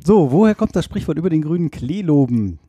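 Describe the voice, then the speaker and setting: Playful man with a dark husky voice. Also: a little high, brisk, no room sound. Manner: playful, joking, lively. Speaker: podcast co-host. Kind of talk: casual chat.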